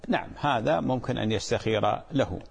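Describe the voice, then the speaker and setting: A man as a sheikh on a call-in program, calmly explaining answers to callers' questions and checking that they are clear. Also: mid-range voice, fairly quick, in a large hall. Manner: calm, explanatory, repeats points and asks "clear?".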